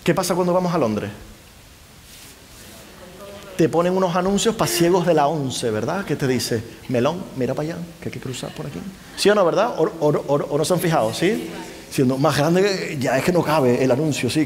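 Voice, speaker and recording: Lively lecturer in a reverberant hall. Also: male voice, fairly high pitch, moderate pace. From Spain. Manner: lively, keeps asking the audience rhetorical questions. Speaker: university lecturer. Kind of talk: conference lecture to a live audience.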